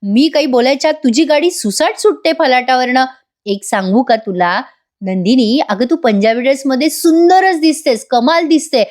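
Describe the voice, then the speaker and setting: A woman's voice: high-pitched, moderate pace, darkish tone, lightly acted. A woman doing a teasing young husband. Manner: joking, coaxing.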